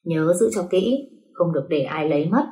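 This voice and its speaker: A woman voicing a cold, teasing young lord in a spoken story, talking in a slow, possessive murmur. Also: deep voice, expressive, dark tone.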